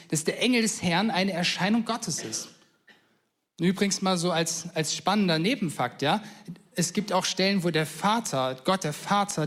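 Man, high-pitched voice, casual sermon, enthusiastic storytelling, conversational preacher.

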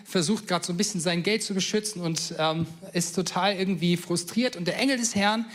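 High-voiced man preaching casually. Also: a little fast, a bit bright. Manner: casual, enthusiastic storytelling with acted quotes. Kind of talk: casual sermon.

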